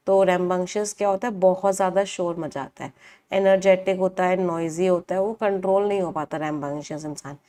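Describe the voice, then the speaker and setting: In an online live class mixing Hindi and English, a woman teaches vocabulary, posing questions to the class, answering them herself, and repeating meanings. Her voice is fairly low in pitch with a darkish tone.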